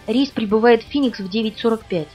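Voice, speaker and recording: A woman reading the lines of a brisk, reassuring young woman in an audiobook. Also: fairly high pitch, dark tone, breathy edge. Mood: brisk reassurance. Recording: dull, distant recording with faint music.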